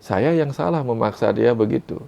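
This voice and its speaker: A man giving a calm, reflective spiritual talk, sometimes acting out inner dialogues softly. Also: mid-range voice, normal speed, creaky, lo-fi sound. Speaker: guest speaker.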